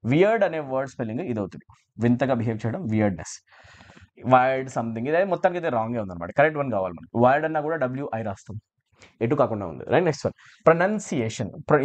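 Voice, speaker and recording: Man, English teacher, exam answer walkthrough, very expressive pitch, code-switching. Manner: animated, mixes Telugu with English, keeps asking "right?". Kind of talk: exam answer-key lesson.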